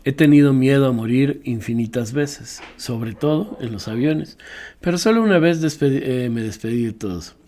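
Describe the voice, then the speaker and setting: A man reading a personal essay aloud in a measured, reflective way, now and then correcting a slip. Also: mid-range voice, expressive, warm tone. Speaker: reader.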